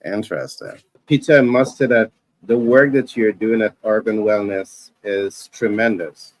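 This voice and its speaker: A male interview host with a low voice speaks in measured, formal phrasing. His recording is dry and close, with no room sound. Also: dry recording, low-quality recording. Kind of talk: interview questions and praise.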